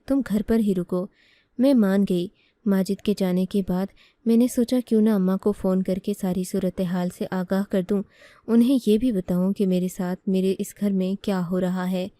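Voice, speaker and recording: A woman narrating a first-person story in a steady, earnest way. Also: mid-range voice, no echo.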